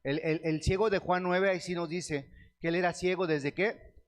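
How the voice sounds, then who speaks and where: A man preaching a sermon, reading scripture slowly and asking the congregation questions that he answers himself. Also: high-pitched, fairly even intonation. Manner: reads scripture aloud with slow stretched words; addresses the congregation as beloved brethren.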